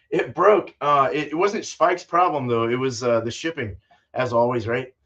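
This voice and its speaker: An older man in his fifties or sixties hosts a livestream from a small indoor home brewing room, rambling in a relaxed way, swearing freely and saying "dude" and "man" a lot. His voice is medium-pitched and a bit bright, his pace measured, and the recording sounds muffled.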